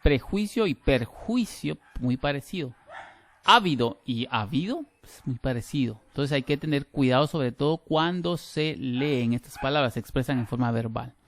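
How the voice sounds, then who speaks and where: A middle-aged man, teaching a grammar class over a video call, lively and emphatic with frequent restarts. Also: medium pitch, normal speed. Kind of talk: online class lecture.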